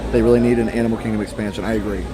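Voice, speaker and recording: A man's voice: fairly low pitch, flat delivery, very fast. A man hosting a live stream, chatting casually with viewers in an easygoing, conversational way from a busy public station. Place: busy public theme park transit station. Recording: loud busy crowd behind the voice.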